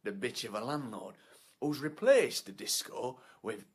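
An actor playing a foul-mouthed, menacing man obsessed with his disco night, swinging from hushed whispers to shouts. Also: medium pitch, sing-song, a little slow, breathy edge. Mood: scornful. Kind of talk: short film monologue.

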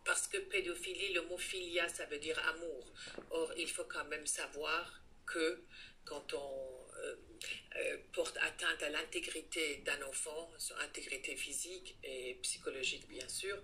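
Woman, 60s, interview guest, grave and deliberate, bright tone. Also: low-pitched, fairly even intonation, a little hiss or hum. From Iran. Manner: earnest, measured, pauses to find words. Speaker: guest, head of a child-protection association. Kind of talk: interview answers.

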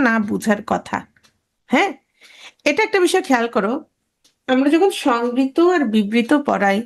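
A woman teacher giving an online grammar lecture, asking her students questions and answering them herself, and repeating key words slowly for emphasis. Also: sits high.

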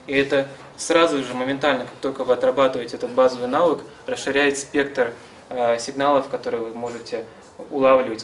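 A man in his thirties giving an informal seminar lecture and answering questions, hesitantly searching for words as he explains. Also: medium pitch. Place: small classroom-like seminar room, indoors. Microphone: camera some metres away. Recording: distant camera mic, faint room noise.

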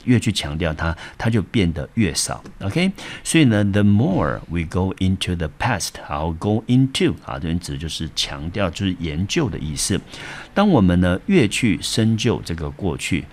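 Deep-voiced Taiwanese English teacher. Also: male voice, big pitch swings, normal speed, darkish tone. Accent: Taiwanese Mandarin. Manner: explanatory, repeats words, frequent "好" and "呢". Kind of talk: vocabulary lesson.

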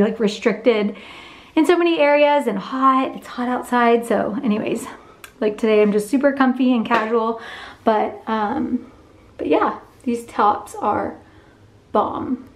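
A woman's voice: on the high side, steady tone, measured pace. A young adult woman and pregnant mom chatting casually to the camera in a vlog, full of fillers and "like". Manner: chatty, filler-heavy, peppered with "like".

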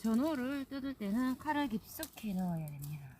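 This Gyeongsang-accented vlogger is very animated and fairly quick, her fairly high voice carrying a darkish tone, with a little hiss or hum in the recording. She chats playfully while picking wild greens on a steep outdoor slope, laughing often.

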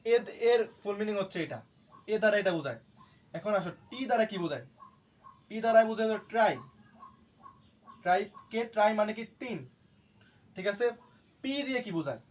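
Male teacher, high-pitched, lecture style, drills terms by asking and answering his own questions. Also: lively intonation, fairly quick, long pauses. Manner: repeats key terms to drill them. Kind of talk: classroom lecture.

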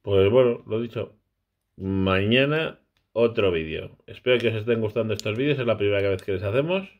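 A man's voice: fairly low pitch, moderate pace, muffled recording. A man, casually vlogging a brick build with his child, chatty and often unsure as he corrects himself.

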